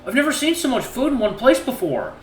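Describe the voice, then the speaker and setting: A man plays an awkward, self-conscious young suitor in a romantic story. The voice is raised high and swings around eagerly, with hesitant, earnest phrasing. The recording is roomy. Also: big pitch swings, a little fast, slight background noise. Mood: nervous, earnest. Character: timid young male rabbit-eared date, eager and self-conscious.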